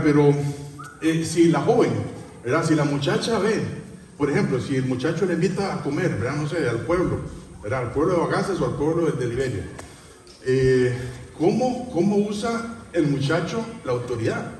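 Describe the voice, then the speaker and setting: A man preaches from the pulpit, his voice sitting a little high for a man. He halts often, restarting phrases and tagging questions onto his sentences. The sound is caught from a distance in a long, echoing church hall with faint room noise. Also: a little mellow. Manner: halting, many fillers and repeated tag questions. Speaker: pastor. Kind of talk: sermon. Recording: echoey church hall from far off.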